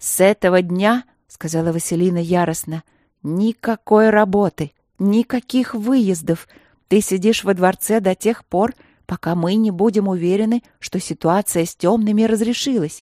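A woman voicing a furious elder sister who shouts, stern and drawn out. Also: mid-range voice, fairly even intonation, moderate pace, dry recording, clean studio sound, natural voice.

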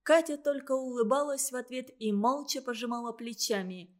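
A woman narrating a children's story as an audiobook, in a clear, even storytelling delivery. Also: fairly high pitch, moderate pace.

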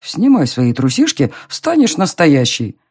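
A narrator playing a smug young nobleman who mocks and teases in an audiobook reading, with a slow, drawling, low delivery. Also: wildly swooping pitch, a little mellow, slightly rough, full character voice. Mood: mocking.

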